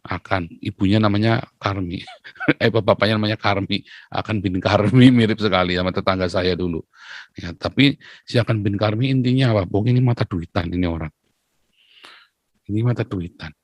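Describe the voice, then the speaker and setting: Male preacher, lively and joking, dry close sound. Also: lowish voice, a little fast, dry recording. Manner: lively, joking, addresses listeners as brothers and sisters. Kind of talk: sermon.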